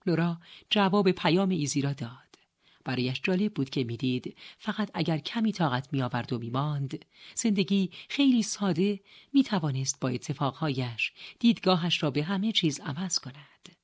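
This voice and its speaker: A woman narrating an audiobook in a steady, measured reading style. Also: deep voice. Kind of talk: scripted narration.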